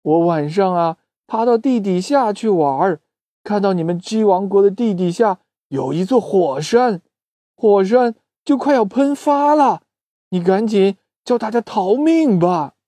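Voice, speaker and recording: A storyteller voicing an excitable little male bean bug who chatters urgently in a children's story. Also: medium pitch, takes it slowly, no room sound. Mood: alarmed.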